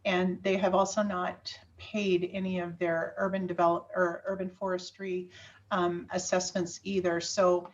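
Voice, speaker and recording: A woman finance director speaking quietly and hesitantly at a council meeting, with many ums and restarts. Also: lowish voice, level tone, measured pace. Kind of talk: formal public meeting remarks. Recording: distant from mic, dull audio.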